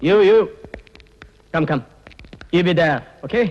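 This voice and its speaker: A man's voice: fairly high pitch, lively intonation, drawn-out words. An actor playing a bumbling man who poses as a pompous police officer, blustering and dropping English phrases into his speech. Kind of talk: film acting. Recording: dull lo-fi film audio.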